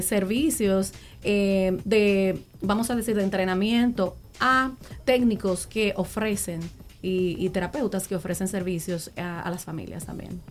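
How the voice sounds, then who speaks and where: A woman from the Republic, talking earnestly as a special education guest on a panel, often pausing and restarting. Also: medium pitch. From Dominican Republic. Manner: earnest, with frequent fillers and restarts. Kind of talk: panel talk.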